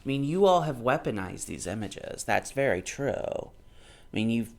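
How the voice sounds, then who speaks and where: A man in his thirties with a medium-pitched, gravelly, sing-song voice reads a book aloud at normal speed and reacts to it casually. His off-the-cuff commentary is argumentative and emphatic, and he repeats himself to drive his points home.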